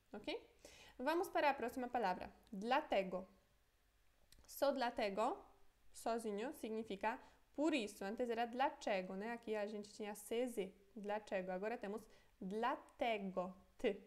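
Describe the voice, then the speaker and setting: A woman who is a native Polish speaker, giving a casual lesson and explaining patiently, repeating words and checking in with "ok?". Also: a little high. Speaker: Polish language teacher.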